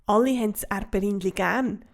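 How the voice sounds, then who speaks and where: A woman's voice: mid-range voice, a little fast, creaky, natural voice. A woman doing a chatty blueberry fairy, Swiss German. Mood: puzzled.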